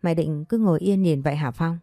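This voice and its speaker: A woman's voice: deep voice, fast, dark tone, dry recording, clean studio sound. Woman reading as a scolding scheming mother. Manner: scolding, blunt and pushy. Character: stern scheming middle-aged mother scolding her son.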